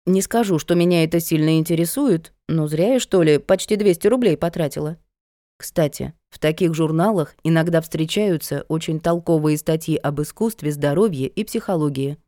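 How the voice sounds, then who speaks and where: Woman narrator, mellow dark voice, wry, dry recording. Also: low-pitched, normal speed, no echo. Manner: wry, conversational storytelling. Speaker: audiobook narrator. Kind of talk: first-person audiobook narration.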